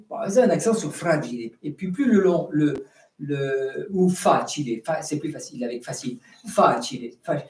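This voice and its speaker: A middle-aged priest teaches in a relaxed, searching way, often restarting his phrases. His voice sits fairly high but sounds mellow and dark. He is heard from a distance in a roomy, echoing space. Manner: many restarts and fillers, sings out syllables as examples. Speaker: Orthodox priest giving catechesis. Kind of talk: spontaneous teaching talk.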